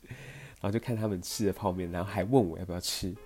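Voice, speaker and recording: A man's voice: deep voice, steady tone, quick pace, darkish tone, faint music behind. A young man with a Taiwanese Mandarin accent, telling a personal story in a chatty, meandering podcast style full of fillers. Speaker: podcast host.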